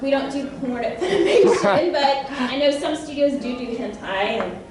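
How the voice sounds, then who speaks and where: High, chatty woman in an echoey hall. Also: moderate pace, far from the mic, noisy background. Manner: chatty and animated, laughs often, quizzes the audience. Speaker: voice actress on a convention panel. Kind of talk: convention panel talk to an audience. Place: large convention panel room.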